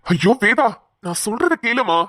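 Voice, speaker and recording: A woman voicing a young husband in a cartoon, coaxing and calming his upset wife. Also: on the high side, moderate pace, no room sound, clean studio sound. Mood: soothing. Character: young husband, patient and soothing. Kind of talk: Tamil cartoon drama voice acting.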